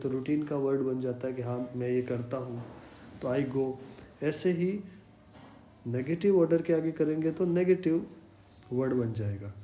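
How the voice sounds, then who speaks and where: A man teaching an English class in a slow, explanatory way, patiently repeating each example. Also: mid-range voice, mellow. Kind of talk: slow explanatory language lesson. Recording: echoey room with faint hum.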